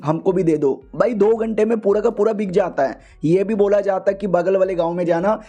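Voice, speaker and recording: A man's voice: high-pitched, brisk, warm tone, faint music behind. A man narrating a comic story in a chatty, slangy way, speaking to his viewers. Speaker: story explainer.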